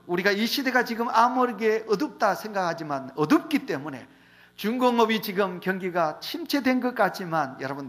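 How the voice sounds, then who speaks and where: A middle-aged man preaching a Sunday sermon, calling out to the congregation and swinging between loud emphasis and hushed lines. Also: high voice. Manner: repeatedly addresses the congregation directly. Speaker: pastor.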